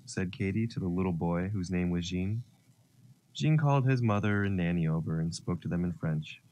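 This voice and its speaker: A man narrating a children's story, gentle and expressive. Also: low-pitched, normal speed, a little hiss or hum.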